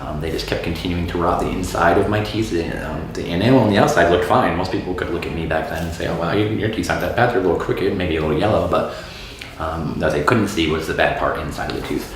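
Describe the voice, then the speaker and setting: Low-voiced man in his thirties from Florida, echoey room. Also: fast. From Florida, USA. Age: 30s. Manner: relaxed, frank, many fillers and um's. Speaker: dental patient giving a testimonial. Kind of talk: casual testimonial to camera. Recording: very echoey room with faint background noise.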